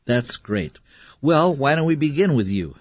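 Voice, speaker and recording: A man, a priest, hosting a radio talk show in a measured, attentive way. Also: mid-range voice, expressive, husky, dry recording.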